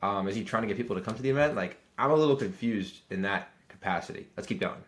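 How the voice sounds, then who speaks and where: A man's voice: on the low side, quick pace, fairly bright tone. A man giving a casual critique of a video, talking loosely with lots of "like" fillers and restarts. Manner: rambling, heavy on filler "like" and restarts. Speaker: YouTube strategy reviewer.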